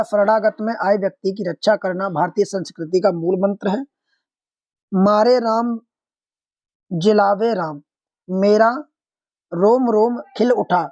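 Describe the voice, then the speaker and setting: A man's voice: sits high, a little mellow, dry recording, muffled recording. A man teaching an online exam-prep lesson, explaining answers step by step, putting questions to viewers and calling them friends.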